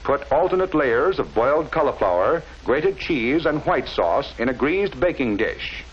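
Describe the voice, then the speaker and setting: A man narrates a scripted 1940s instructional film at a medium pitch, in a sing-song yet measured, didactic style with precise enunciation. The vintage soundtrack sounds dull and carries a bit of hiss or hum.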